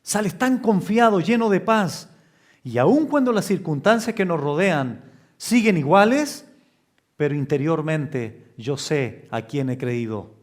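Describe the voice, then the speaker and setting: Slow, emphatic preaching man. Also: animated. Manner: slow, emphatic preaching with sudden pitch rises. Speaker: pastor. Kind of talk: expository sermon.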